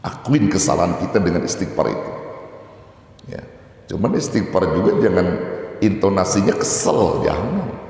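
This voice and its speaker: A male preacher gives a colloquial, animated sermon, sometimes mimicking an annoyed voice. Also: low voice, normal speed, gravelly. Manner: colloquial, animated preaching with mock-angry quotes. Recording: very echoey hall.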